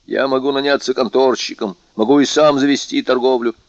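A man's voice: mid-range voice, fairly even intonation, brisk, no echo, voice pushed up, lightly acted. A man reading a poor, jealous young fisherman who speaks earnestly and insistently. The recording is dry and dull. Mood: pleading, jealous.

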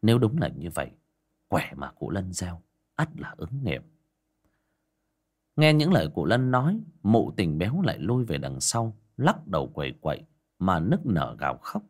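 A man narrating a scripted horror story in a dramatic, expressive way. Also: deep voice, normal speed, breathy edge.

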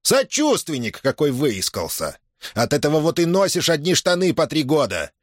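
Male reader playing harsh cossack boss, high, barking orders. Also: huge pitch swings, normal speed, no echo, clean studio sound. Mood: angry. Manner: mock-tender coaxing turning to barking orders. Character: bullying grown cossack farmer, harsh and shouting.

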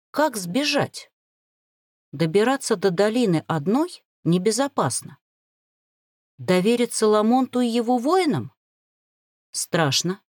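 A woman narrating a first-person novel in an expressive, dramatic reading. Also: mid-range voice, dry recording, studio quality. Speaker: audiobook narrator.

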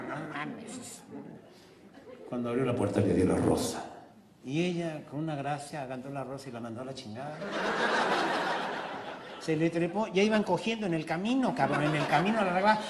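A man's voice: fairly high pitch, background noise. A man with a Mexican accent doing crude stand-up storytelling, acting out every character with shrieks and put-on voices. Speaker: stand-up comedian. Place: live comedy show with audience. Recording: live show with loud crowd laughter.

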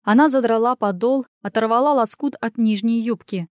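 A woman reading a fantasy story aloud in brisk, even narration. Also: a little high, no room sound, studio quality. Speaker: audiobook narrator.

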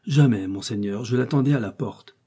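A man's voice: medium pitch, moderate pace, warm tone, breathy edge, close to an everyday voice. A man voicing a timid, frightened middle-aged mercer who pleads anxiously.

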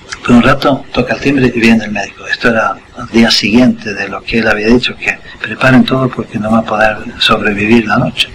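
An older man, a guest on a school radio program, telling a personal story in an unhurried way and acting out the scene with short asides. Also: fairly low pitch, steady tone, fairly bright tone, a little hiss or hum, poor audio. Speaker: interview guest.

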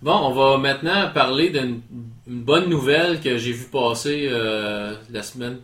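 A man's voice: mid-range voice, unhurried, roomy sound, over music. A man with a Quebec French accent, hosting a casual podcast and chattily reviewing a video game.

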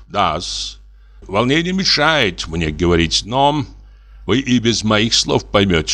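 A man's voice: lowish voice, fairly bright tone, voice pushed up. A man voicing a wronged middle-aged husband, a notary who speaks in a formal, wounded, pompous way. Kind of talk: audiobook character reading.

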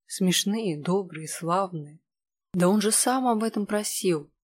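A narrator reading a novel aloud in a steady, measured way. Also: medium pitch, breathy edge, dry recording. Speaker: audiobook narrator. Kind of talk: scripted narration of a fantasy novel.

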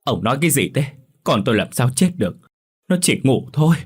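A man's voice: expressive, fairly quick, breathy edge. A wailing, grief-stricken village mother, as a man puts her on. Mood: denying. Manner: wailing, shrill and desperate.

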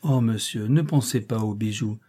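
A man's voice: lowish voice, normal speed, mellow, slightly rough. A man reading aloud and voicing a shy, earnest young governess in a classic novel. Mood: pleading.

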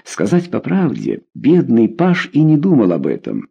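A man narrating a historical novel in an expressive, measured audiobook reading. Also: medium pitch, creaky, husky, muffled recording.

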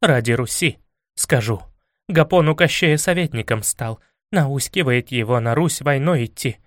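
A man's voice: medium pitch, normal speed, dry recording, natural voice. A proud, fierce young maiden from a spoken fairy tale, defiant and declamatory, as a male narrator reads her lines. The voice is close and dry.

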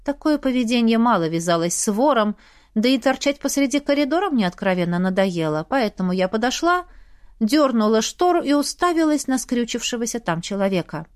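A woman narrating a first-person audiobook in a steady storytelling manner. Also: a little high, a little fast, no room sound, studio quality.

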